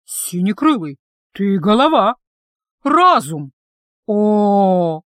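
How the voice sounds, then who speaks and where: A woman voicing a brisk female gargoyle. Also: on the high side, animated, dry recording, studio quality, natural voice. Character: sharp-tongued female gargoyle, contrary.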